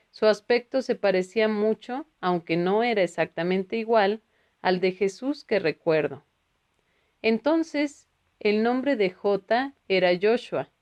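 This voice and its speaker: A woman narrating a spiritual book aloud at a measured, even pace. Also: mid-range voice. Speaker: audiobook reader.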